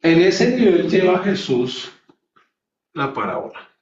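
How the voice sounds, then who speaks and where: A man's voice: fairly high pitch, sing-song, slow pace, darkish tone, a little hiss or hum. A man teaching a Bible class in a sermon-like way, stressing his points and putting rhetorical questions to his listeners. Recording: echoey, dull sound from a distant mic.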